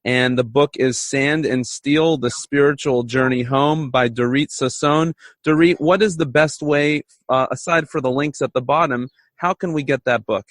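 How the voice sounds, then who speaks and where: A male podcast host speaks at an ordinary pitch and offers his guest short, encouraging affirmations. The recording is dry, with no room sound around his voice. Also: moderate pace, hardly any pauses, a bit bright, no room sound. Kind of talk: podcast interview.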